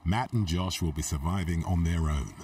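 A man's voice: sits low, moderate pace, darkish tone, distant mic, slight background noise. A man reading scripted narration for a television documentary. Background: music.

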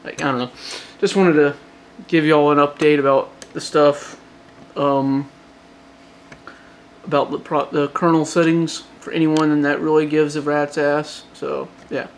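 A man with a gentle Southern drawl from Georgia, speaking a little high for a man. He rambles through a casual late-night update, restarting sentences and leaning on fillers, sounding tired. Faint noise sits behind his voice. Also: level tone, a little slow. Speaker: hobbyist phone modder.

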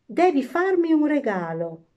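A woman's voice: mid-range voice, sing-song, slow, warm tone, dull audio. A woman voicing a spoiled, curious little princess who talks in a whiny, demanding way.

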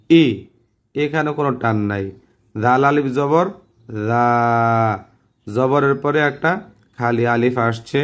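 Slow, patient male tajweed teacher. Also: mid-range voice. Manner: patient, spells out letters and vowel marks step by step; asks the class to repeat after him. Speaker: Quran recitation teacher. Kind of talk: tajweed lesson with slow drawn-out recitation.

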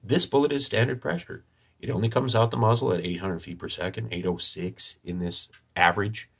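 A man presenting an informal analysis with a dry, deadpan, tongue-in-cheek delivery and a husky voice. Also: fairly low pitch, brisk. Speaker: online video presenter. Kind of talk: informal analysis commentary over screen recording.

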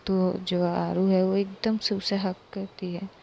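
Gravelly woman casually retelling a story. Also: mid-range voice, flat delivery, takes it slowly, warm tone, a little hiss or hum. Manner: loose, chatty retelling with restarts.

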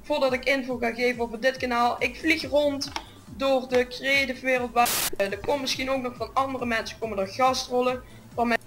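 A boy of thirteen with a very high-pitched, unbroken voice and a soft Limburg Dutch accent. He introduces and narrates an amateur gaming video, heard as an old recording played back. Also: fairly even intonation, brisk, soft background music. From Limburg, Netherlands. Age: 13, young teenager.

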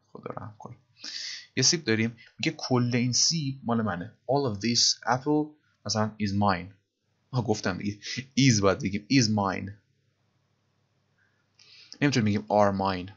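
Low-voiced man teaching grammar casually. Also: fairly bright tone, lo-fi sound. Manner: explains patiently, reads English phrases slowly word by word. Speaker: English teacher. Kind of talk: casual grammar lesson in Persian.

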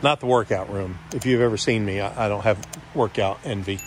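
A man with a lowish voice talks fairly quickly over slight background noise. He's a real estate agent giving an unscripted walkthrough tour, keeping it casual and jokey in a folksy, offhand way.

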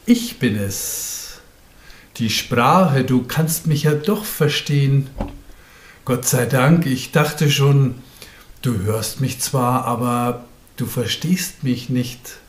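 A man voicing Language itself as a tender, passionate partner of humankind, in a dramatic spoken-word recital, moving between soft whispers and fervent calls. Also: medium pitch, steady tone, slow pace, roomy sound. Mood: solemn. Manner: solemn, intimate, swings from whispers to fervent calls.

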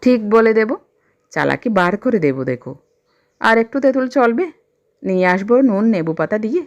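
A woman's voice: fairly high pitch, expressive, normal speed, darkish tone, highs cut off, pitched above the performer's own voice. A woman voicing a playful young village husband who teases and coaxes his wife. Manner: teasing, coaxing.

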